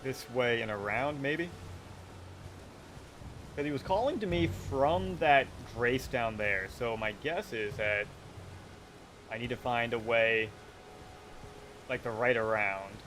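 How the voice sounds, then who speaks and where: A man's voice: mid-range voice, lively intonation, slow pace, long pauses, fairly bright tone, a little hiss or hum. A man giving casual, chatty commentary while streaming a video game, talking to himself and joking along the way. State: hiccuping.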